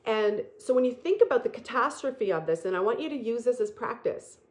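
A woman giving an earnest spiritual talk, repeating phrases and slowing down to stress key words. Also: fairly high pitch, lively intonation, a little mellow. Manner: earnest, repetitive, emphatic and slow on key phrases. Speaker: spiritual speaker.

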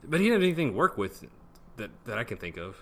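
A man co-hosting a casual podcast, laid-back and hesitant, filling pauses with ums. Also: medium pitch, very animated, a bit bright. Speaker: podcast co-host. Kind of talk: casual chat.

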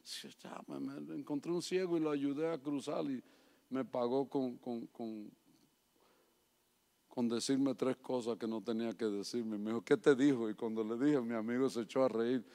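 A man preaching a sermon, moving between quiet personal stories and loud, impassioned appeals. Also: mid-range voice, fairly even intonation, moderate pace, vocal fry. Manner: swings from soft storytelling to loud impassioned preaching.

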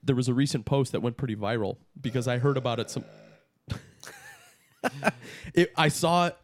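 A man's voice: medium pitch, animated, moderate pace, no room sound, studio quality. A man chatting casually on a podcast as a guest, peppering his talk with "dude". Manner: casual, says dude a lot.

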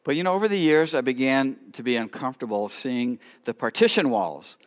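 Animated storytelling rabbi, man. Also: medium pitch, fairly quick. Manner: animated storyteller, drops to quiet asides. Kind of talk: storytelling talk to a congregation.

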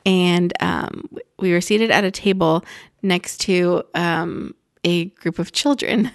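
A woman's voice: lowish voice, takes it slowly, gravelly, no echo, clean studio sound. A young woman co-hosting a podcast in casual chat, talking loosely with many fillers and laughing often. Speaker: podcast co-host.

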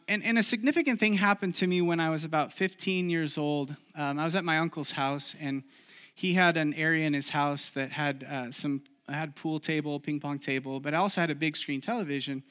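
A man's voice: fairly high pitch, fairly bright tone, clear, resonant tone. A man who grew up in Chile, preaching a sermon and sharing his own story in an earnest, confessional way with frequent restarts. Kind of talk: sermon with personal testimony.

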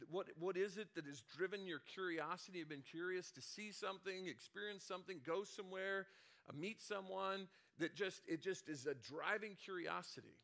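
A man's voice: sits high, sharp tone. A middle-aged man, a senior pastor, telling a childhood story in a conversational sermon with frequent restarts and asides.

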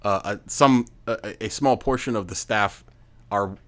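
A man co-hosting a podcast in casual chat, trading quick jokes. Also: on the low side. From French-Canadian descent. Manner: wisecracking, quick quips. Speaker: podcast co-host.

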